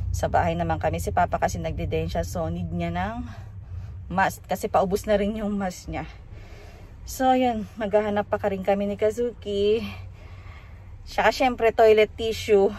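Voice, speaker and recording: A woman's voice: mid-range voice, a little hiss or hum. A woman talking through a face mask as she vlogs from shops, chatting casually and speaking straight to her viewers. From Philippines. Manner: chatty, addresses viewers directly. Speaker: vlogger. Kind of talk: casual vlog chat. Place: shops in Japan, on the go. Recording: loud music playing over the voice.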